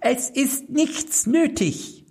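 Squeaky little magic manikin. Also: male voice, lively intonation, extremely slow, darkish tone, breathy edge, full character voice. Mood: eager servant.

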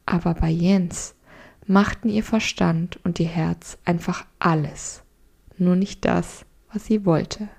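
A young adult woman hosting a podcast, reading a short story and giving calm, gentle encouragement. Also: lowish voice, slow, gravelly.

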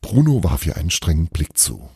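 A man reading a children's Christmas story aloud with expressive, lively storytelling. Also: extremely low pitch, a little fast, husky, dry recording, studio quality. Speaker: narrator.

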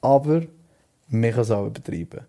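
A podcast co-host with a Swiss German accent who laughs often and tells stories in an animated way. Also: mid-range voice, brisk. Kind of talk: casual chat.

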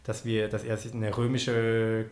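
A man from Switzerland with a Swiss accent, a podcast guest telling stories in a relaxed way with many fillers. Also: fairly low pitch, a little slow. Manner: relaxed storytelling with frequent fillers. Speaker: podcast guest, performance artist. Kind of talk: casual conversation. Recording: roomy echo.

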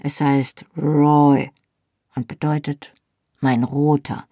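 A narrator voicing Jamie, a wry, good-humoured young Scottish man with dry, teasing replies, in a gravelly, husky voice. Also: medium pitch, unhurried, darkish tone, no room sound.

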